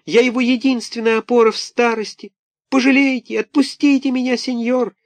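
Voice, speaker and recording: A tiny wooden puppet boy from a storybook, squeaking far above a normal voice. He whimpers and pleads in a thin, tearful tone. The recording is close and dry. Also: little pitch movement, moderate pace, no echo. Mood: pleading whine.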